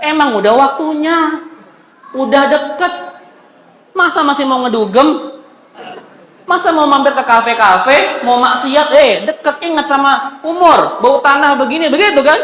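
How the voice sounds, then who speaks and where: A man's voice: extremely high pitch, sharp tone, reverberant, in a large hall, rough recording. A male preacher giving a humorous, colloquial sermon in a mosque, joking with and addressing the audience directly. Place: mosque hall.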